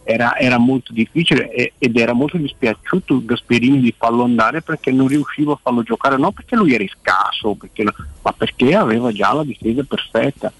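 Gravelly, husky man giving football opinions. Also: medium pitch, brisk, a bit bright, no room sound, poor audio. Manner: emphatic, repeats words while explaining. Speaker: football pundit guest. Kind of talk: radio phone-in commentary.

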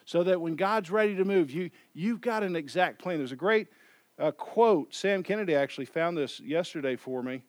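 A man's voice: on the high side, lively intonation, normal speed, no room sound. A man preaching a sermon in a loose, conversational way, often repeating and restarting phrases. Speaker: pastor.

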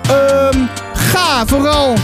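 Speaking extremely slowly in a high, steady voice, a book-reviewing podcast host from Drenthe, Netherlands, in her thirties, chats casually over background music. She rambles, filling her talk with fillers and frequent restarts.

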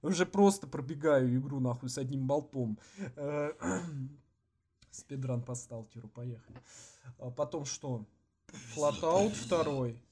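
A man co-hosting a podcast in casual, slangy chat with swearing, halting with many false starts and repeats. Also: medium pitch, mellow, husky. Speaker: podcast co-host.

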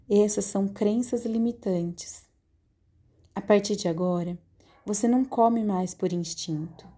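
Woman, guided meditation, slow soothing delivery, warm mellow tone. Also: medium pitch. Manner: slow, soothing, calmly directive.

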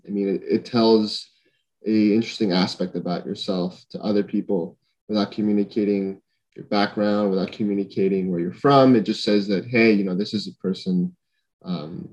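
A man's voice: lowish voice, darkish tone, lo-fi sound. A young man from Honduras, a podcast guest, talking casually and thoughtfully with many fillers and restarts. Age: young adult. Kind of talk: casual conversation.

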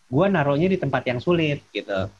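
Relaxed man, muffled sound. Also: fairly high pitch, brisk. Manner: relaxed, explains step by step with fillers. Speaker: cycling guest. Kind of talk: casual chat.

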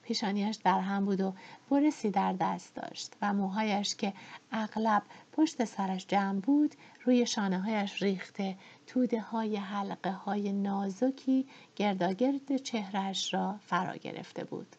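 A woman reads a novel aloud in a measured, expressive way. Her voice is warm and mellow with a husky grain. The recording sounds dull and lo-fi. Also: mid-range voice. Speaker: audiobook narrator. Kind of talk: scripted novel narration.

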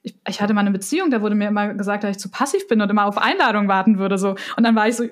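A woman's voice: medium pitch, very fast. Attentive woman in conversation. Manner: attentive listener, frequent murmured agreement. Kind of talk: conversation, interviewing.

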